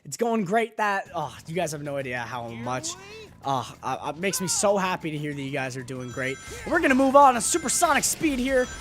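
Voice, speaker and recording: A game streamer gives upbeat, rambling live gameplay commentary while losing his voice, packing in fillers and restarts. He speaks fairly high with big pitch swings at a normal speed, over loud game music.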